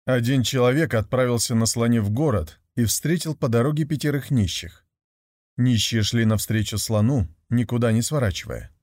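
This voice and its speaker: A man reads a fable aloud in an expressive storybook manner. His voice sits at an ordinary middle pitch. The recording is dry and close. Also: moderate pace, dry recording. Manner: expressive, acting out the characters. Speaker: narrator. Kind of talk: storybook reading.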